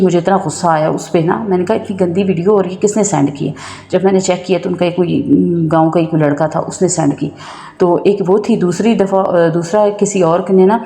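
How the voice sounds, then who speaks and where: A woman's voice: on the low side, warm tone. A woman vlogger telling a personal story and giving advice in a chatty way, often checking in with her listener. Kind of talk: casual storytelling and advice talk. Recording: echoey room with long reverb.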